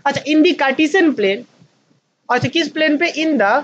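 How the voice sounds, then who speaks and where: A man with an Indian accent teaching a maths class, asking questions and answering them himself and slowing down to dictate notes. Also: extremely high pitch, animated, dull audio. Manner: slows right down to dictate notes. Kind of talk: online maths lecture at a whiteboard.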